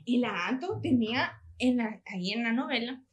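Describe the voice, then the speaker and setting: A woman's voice: a little high, moderate pace. A young woman with a Salvadoran accent chatting on a podcast, telling a story and acting out the voices of people in it. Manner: lively storyteller who acts out quoted voices. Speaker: podcast co-host. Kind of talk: casual chat.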